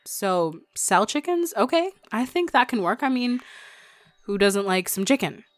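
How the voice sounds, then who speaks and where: A woman's voice: mid-range voice, big pitch swings, a little slow, dry recording, faint music behind. Woman acting dry, skeptical farm wife. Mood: wry. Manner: dry, sarcastic. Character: skeptical, sardonic but supportive farmer's wife. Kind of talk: audio story acting.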